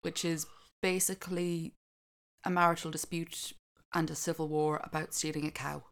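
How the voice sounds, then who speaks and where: A woman's voice: sits low, flat delivery, normal speed, a bit bright. A woman chatting casually as the host of a podcast. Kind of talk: casual chat.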